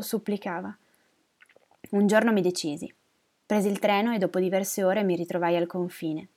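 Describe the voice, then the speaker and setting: A woman reading a first-person story aloud in a measured, somber way. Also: fairly low pitch, darkish tone. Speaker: narrator.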